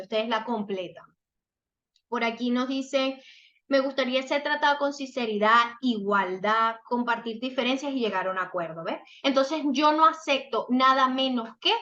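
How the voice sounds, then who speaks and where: Woman, family counselor, live online workshop, emphatic and animated, bright tense voice. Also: high voice. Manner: animated, emphatic, asks listeners if they follow. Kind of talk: live-streamed workshop talk reading chat comments. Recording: slightly dull, lo-fi stream audio.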